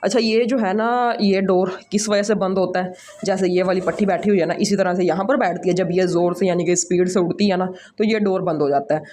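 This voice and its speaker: High-pitched man, Pakistani Urdu accent, rambling casual vlog talk, handheld camera on a rooftop. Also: steady tone, brisk, darkish tone, slight background noise. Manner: chatty, repeats filler phrases, talks while handling birds. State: out of breath after climbing stairs. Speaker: bird breeder vlogger. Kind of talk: casual walk-through vlog. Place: rooftop bird setup, outdoors. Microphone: handheld camera held in one hand.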